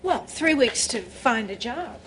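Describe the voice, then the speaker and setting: A woman's voice: on the high side, lively intonation, measured pace, background noise. An actress playing a restless, defiant young woman in a soap opera. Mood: defensive, defiant. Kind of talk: television soap opera acting.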